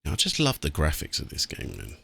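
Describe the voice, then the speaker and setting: Over game music and the sounds of artillery and vehicles, a British host chats casually through a strategy game let's play, thinking out loud. His voice is extremely low with huge pitch swings, vocal fry and a sharp, slightly rough tone. He talks fairly quickly, with no room sound.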